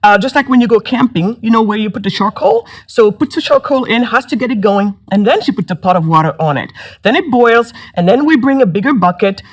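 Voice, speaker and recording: A woman from Senegal, a guest in an interview, telling her life story in a lively, animated way, her voice rising when she gets excited. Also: a little high, brisk. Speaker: entrepreneur guest.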